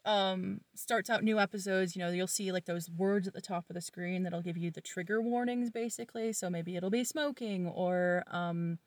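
A woman's voice: fairly low pitch, normal speed, few pauses, dry recording. Chatty woman podcast host, far from the mic. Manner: chatty, expressive, teasing. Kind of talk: casual chat.

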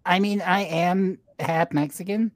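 A man guesting on a casual podcast, cracking dry deadpan jokes. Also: high-pitched, dry recording. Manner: slow, dry deadpan humor. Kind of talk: casual crude banter.

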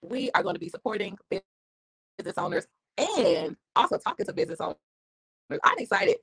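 A woman from Mississippi co-hosting a casual chat, energetic and preacherly, exclaiming. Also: mid-range voice, moderate pace, slightly rough, no echo. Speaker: co-host.

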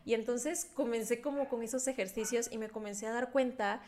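Young Mexican woman podcast host, candid storyteller, bit high-pitched, quick to laugh. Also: steady tone, a little mellow, slight background noise. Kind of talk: casual chat.

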